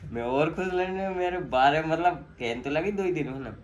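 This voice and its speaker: A man's voice: fairly high pitch, lively intonation, moderate pace. Rambling young man telling a story. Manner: rambling storyteller, slangy, acts out quotes. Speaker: vlogger. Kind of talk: casual chat to camera.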